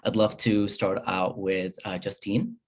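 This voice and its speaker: Man moderating a panel, lowish voice. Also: little pitch movement, measured pace. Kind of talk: hosting a virtual panel.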